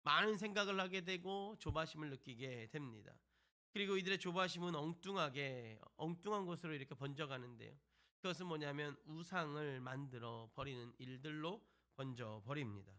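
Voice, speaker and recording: A male pastor preaching with a bright, forceful voice pitched a little high. He keeps turning to the listeners with rhetorical questions, then retells the scripture story with acted quotes. The delivery is direct and engaged. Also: moderate pace. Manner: asks the congregation rhetorical questions. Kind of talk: sermon to a youth service.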